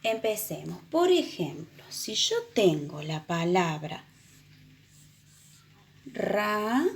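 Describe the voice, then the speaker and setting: A woman teaching children the sounds of a letter, explaining patiently and repeating example words slowly. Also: lowish voice, sing-song, creaky. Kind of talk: children's reading lesson.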